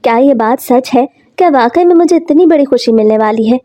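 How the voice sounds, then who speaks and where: A man's voice: very high voice, fairly even intonation, fairly quick, dark tone, no echo. A woman reading the lines of a young husband in a spoken story, loving at first and later harsh and scolding. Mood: overjoyed. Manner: overjoyed then harsh and scolding.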